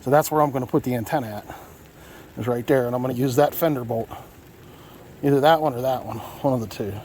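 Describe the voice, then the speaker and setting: An American man speaks fast in a mid-range, slightly mellow voice, vlogging a casual tour of his truck radio install. His unscripted talk rambles folksily with frequent repetition. It's recorded on handheld outdoor video in and around a parked truck, with clear background noise.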